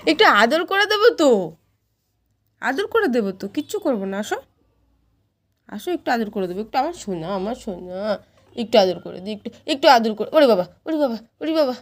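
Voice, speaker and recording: Casting note: a woman, a fairly high voice, cooing baby talk to a pet. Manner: coaxing, cooing, repeating words. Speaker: vlogger talking to her pet rabbit.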